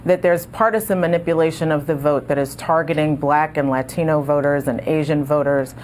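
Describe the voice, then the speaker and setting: A woman, a civil rights advocate, giving an earnest and measured answer in a news interview over a remote link. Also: low voice, fairly even intonation, a little mellow, slight background noise. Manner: earnest, measured, with some fillers. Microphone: remote studio link.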